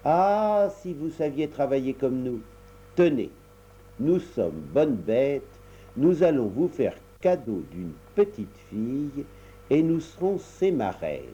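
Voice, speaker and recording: A man's voice: medium pitch, very animated, slow pace, warm tone, slight background noise. A man voicing a chorus of kindly, teasing spiders in a storybook reading. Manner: teasing, coaxing. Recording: dull lo-fi recording.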